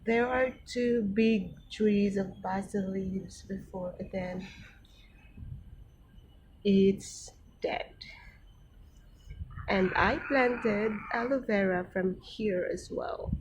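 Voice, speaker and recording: A woman's voice: medium pitch, drawn-out words, pauses often, darkish tone, a little hiss or hum, low-quality recording. A young adult woman with a Filipino accent, vlogging casually outdoors in a garden and talking fondly to her cat, recorded on a handheld phone. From Philippines. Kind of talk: casual vlog narration.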